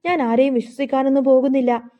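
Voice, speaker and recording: A woman's voice: high-pitched, little pitch movement, fast talker, highs cut off, lightly acted. A woman voicing an anxious, suspicious young man who talks in an agitated, defensive way.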